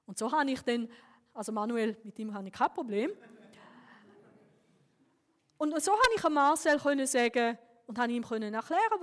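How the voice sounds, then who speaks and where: Swiss German woman preaching in a hall. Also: a little high. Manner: personal storytelling, earnest and lively. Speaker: pastor. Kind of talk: sermon.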